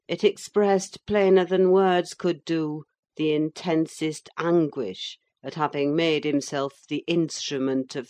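A woman narrates a classic novel in the first person. Her voice is low and her pace unhurried and measured. The reading is expressive without rushing. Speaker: audiobook narrator.

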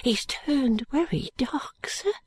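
A dying ragged street boy, weak and breathless, his voice high and thin, as a woman puts him on. He drags out each word slowly in dialect and fades into faint whispers. The recording is close and dry. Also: lively intonation, breathy edge, dry recording, exaggerated voice. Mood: feeble.

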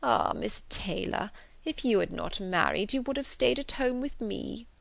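A woman doing a fretful, fussy old gentleman. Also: a little high, animated, unhurried, gravelly, no room sound, voice pushed up, heavily acted. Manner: anxious, fussing, gently pleading. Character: fretful elderly gentleman, fussy invalid father.

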